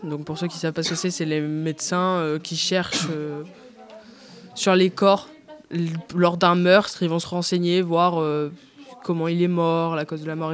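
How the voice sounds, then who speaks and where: Brief: woman guest, casual chat, halting delivery full of fillers and trailing "and so on"s. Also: fairly low pitch. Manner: hesitant, many fillers and restarts; tacks on "and so on" often. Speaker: interview guest.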